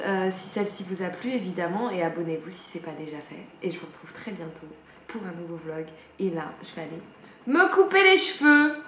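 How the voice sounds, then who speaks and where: A woman's voice: mid-range voice, a little hiss or hum. A young woman, chatting casually in a fitness vlog from home and listing things with many fillers. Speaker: fitness vlogger. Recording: roomy echo, faint background ambience.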